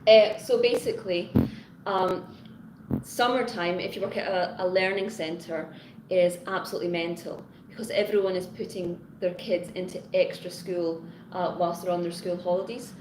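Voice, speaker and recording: A woman's voice: fairly low pitch, fairly even intonation, normal speed. A woman hosting a casual live stream from her home and chatting with viewers. She rambles, restarts her sentences and greets commenters by name as she goes. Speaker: live-stream host, teacher. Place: her home in Hong Kong. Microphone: phone front camera. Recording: echoey room with background noise.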